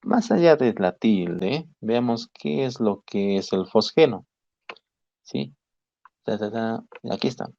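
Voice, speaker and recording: A man's voice: fairly low pitch, animated, slow, gravelly, dark tone, no echo. A male chemistry teacher gives an online lecture, explaining step by step and often checking in with his students. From Bolivia. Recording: dry, dull lo-fi call audio.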